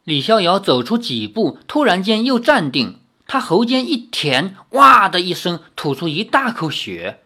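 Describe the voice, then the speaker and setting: A storyteller reading a novel aloud, expressive, dropping low and soft on the sad passages. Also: unhurried, hardly any pauses. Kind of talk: read-aloud novel narration.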